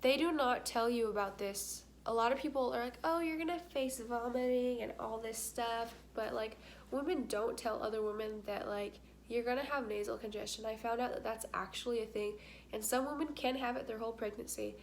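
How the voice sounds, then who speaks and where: A woman's voice: a little high, brisk, slight background noise. Stuffy-nosed young woman vlogging, chatty. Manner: chatty, candid, many fillers, stuffy-nosed. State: congested nose, short of breath. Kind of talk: casual talk to camera.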